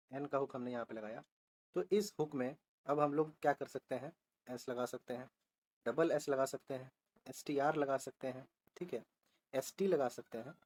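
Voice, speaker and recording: Man, shorthand teacher, steady explaining voice, spells out letters, asks and answers himself. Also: medium pitch, no room sound. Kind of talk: explaining a lesson on a board.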